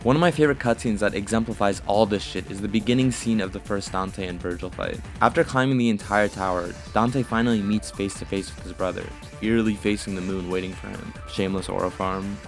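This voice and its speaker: A man's voice: on the low side, fairly quick, few pauses. A man giving scripted video game commentary as an essayist, in a casual, profane manner. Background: music.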